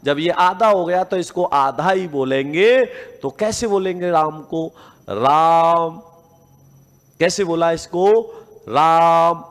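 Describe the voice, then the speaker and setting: A man with a high, slow voice teaches a grammar lesson, asking the class questions and answering them himself. He draws out sounds to show how they are said. His voice rings in a room with a long reverb. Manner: stretches and repeats sounds to demonstrate them.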